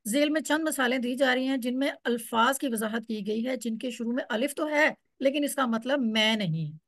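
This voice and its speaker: A woman's voice: on the high side, moderate pace, no room sound, clean studio sound. A woman teaching a class, explaining step by step and repeating words so students can follow. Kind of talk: online Quran Arabic class.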